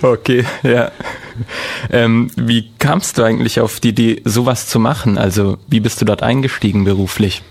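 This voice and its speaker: A man hosting a radio interview and asking relaxed, friendly questions. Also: mid-range voice, normal speed, gravelly. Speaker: radio host.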